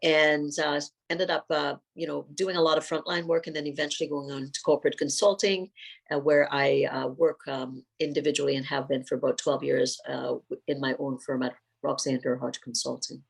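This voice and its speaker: A woman's voice: low voice, steady tone, normal speed, gravelly, husky, low-quality recording. A middle-aged woman from Trinidad and Tobago, a psychotherapist speaking thoughtfully in a podcast interview, with many fillers and restarts.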